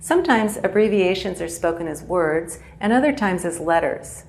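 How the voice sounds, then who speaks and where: A woman English teacher giving a clear, measured pronunciation lesson. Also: lowish voice, expressive, darkish tone, a little hiss or hum.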